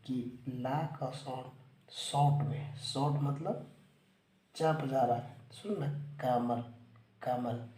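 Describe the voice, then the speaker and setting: A man teaches English spelling at a deliberate, unhurried pace, repeating each word over and over. His voice sits in a middling register. The room rings back with a noticeable echo over a faint ambient hum. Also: mid-range voice, dark tone. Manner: slow, repetitive, drilling words aloud to students. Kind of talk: spoken spelling lesson. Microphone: handheld phone recording, teacher not on camera.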